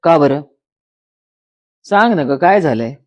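A woman voicing a short-tempered young husband who turns gentle and coaxing, in a dramatized story reading. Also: low-pitched, lively intonation, takes it slowly, lo-fi sound, voice pushed down, exaggerated voice. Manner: sulky and curt, later gentle and coaxing.

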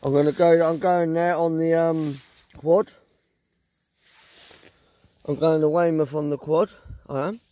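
Inside a small tent in the woods at night, a middle-aged vlogger with a southern English accent rambles bluntly, swearing plenty, into a phone he holds close. His fairly high, mellow voice stays fairly even in intonation, and he talks at a measured pace with frequent pauses.

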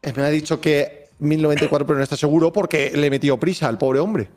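High-voiced excitable man. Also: soft background music. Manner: excitable, quick to laugh and shout. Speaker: streamer playing quiz game. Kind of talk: casual group banter.

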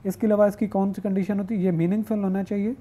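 Guy teaching an online class, very mellow dark tone, reads definitions slow then explains, answers his own questions. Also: high voice, little pitch movement. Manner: reads English definitions slowly, then explains them at length; asks questions and answers them himself. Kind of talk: online lecture.

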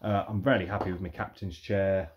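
Casual male vlogger, low-pitched, relaxed rambling delivery. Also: fairly quick, muffled recording, a little hiss or hum. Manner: relaxed, rambling, thinking aloud. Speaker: vlogger reviewing car boot sale finds. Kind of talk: casual show-and-tell.

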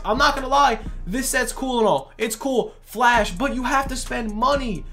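A man's voice: very high-pitched, a bit bright. A man hosting a gaming video, ranting heatedly and emphatically, repeating his points. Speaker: gaming YouTuber.

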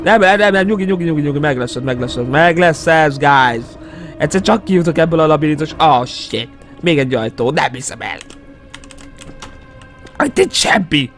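A young man with a Hungarian accent commentating a horror game, excitable and jumpy, muttering to himself between yelps. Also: a little high. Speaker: gaming YouTuber. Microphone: headset. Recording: faint game music behind.

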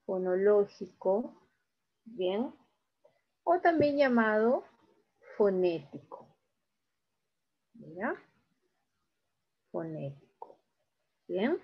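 A woman's voice: medium pitch, very animated, husky, highs cut off. A woman teaching a recorded class, explaining step by step and checking in often with her students. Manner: slow, explains step by step with frequent check-ins.

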